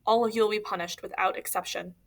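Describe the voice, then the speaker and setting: Strict angry warden guy scolding kids, gravelly edge, woman reading it. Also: medium pitch, fairly even intonation, fast talker, close to an everyday voice. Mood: stern. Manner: stern, scolding. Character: stern male prison warden, strict and angry.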